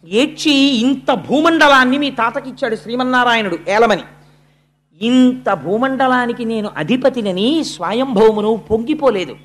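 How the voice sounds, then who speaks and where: A man's voice: extremely high pitch, fairly bright tone. Male preacher telling a scripture story, theatrical narration. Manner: dramatic storyteller, acts out characters' speech. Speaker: religious discourse speaker. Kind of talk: devotional storytelling sermon.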